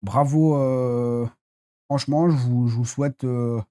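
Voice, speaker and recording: A football channel host giving a casual, rambling live debrief after a match, blunt and quick to swear. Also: mid-range voice, fairly even intonation, dark tone.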